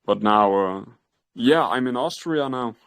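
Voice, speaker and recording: A man's voice: medium pitch, lively intonation, measured pace, fairly bright tone, smooth, no room sound. A man in a casual online voice chat, asking for help in an easygoing way and often repeating words as he starts. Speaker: community member asking for help.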